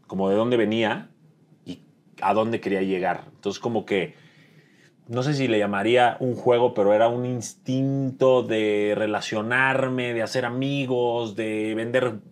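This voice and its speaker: A man in his thirties with a Mexican Spanish accent, an interview guest talking reflectively about his life and pausing to search for words. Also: medium pitch, fairly even intonation. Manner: thoughtful, searching for words with fillers. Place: dim studio set with dark curtains.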